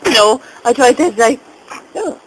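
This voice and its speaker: A woman's voice: a little high, lively intonation, slow, very noisy. A woman with the hiccups, giggling helplessly and laughing through tears in a casual home video chat.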